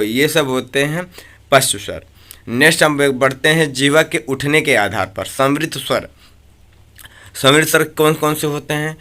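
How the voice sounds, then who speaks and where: A man's voice: mid-range voice, bright, forceful tone. A man teaching an exam-prep grammar lesson, asking questions and answering them himself while drawing out vowel sounds to demonstrate. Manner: drills with repeated questions and answers.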